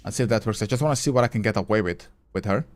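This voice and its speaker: Guy streaming a game live, kinda low voice, just chatting w chat and thinking out loud, swears a bit. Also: racing. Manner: chatty, answers viewer chat while playing; swears casually, thinks aloud. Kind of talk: casual live gameplay commentary.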